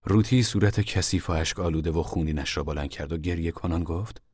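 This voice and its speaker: A man reading a novel aloud in a calm, measured storytelling voice. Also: low voice, husky, dry recording, clean studio sound. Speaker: narrator. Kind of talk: audiobook reading.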